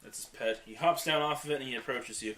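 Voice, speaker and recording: Bright-voiced man running the game. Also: mid-range voice, quick pace, recorded from a distance. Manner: loose, chatty, filler-heavy. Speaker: dungeon master. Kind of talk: narrating a tabletop game. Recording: echoey room, off-mic.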